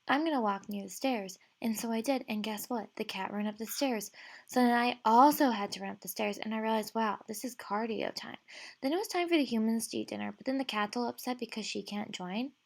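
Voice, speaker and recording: A woman in her twenties narrating her home vlog as a comedic voice-over, in a playful, mock-serious way. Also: a little high. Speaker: vlogger.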